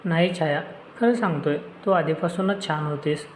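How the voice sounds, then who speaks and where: A man voicing a gentle young man who is a tender friend and photographer, speaking softly and coaxingly. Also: a little high, normal speed, echoey room, slight background noise, lightly acted. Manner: soft, coaxing.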